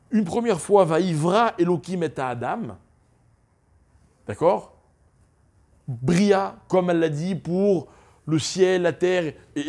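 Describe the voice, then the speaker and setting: A middle-aged man teaching a Torah class, animated, questioning his listeners and mixing Hebrew terms into his talk. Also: on the high side. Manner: animated, asks the audience questions, spells out Hebrew letters; mixes Hebrew terms into French. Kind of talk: lively Torah lesson to a live audience.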